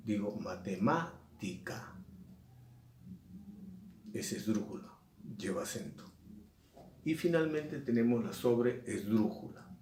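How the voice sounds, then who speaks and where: A male teacher, explaining a lesson slowly and repeating and stressing key words. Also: mid-range voice, animated, dark tone, a little hiss or hum. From Peru. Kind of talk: recorded lesson. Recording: echoey room, mic at a distance.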